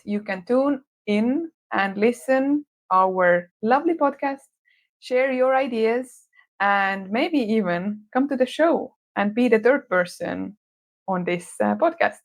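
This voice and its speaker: Woman co-hosting a podcast. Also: fairly high pitch. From Estonia. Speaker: podcast co-host. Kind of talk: casual podcast conversation.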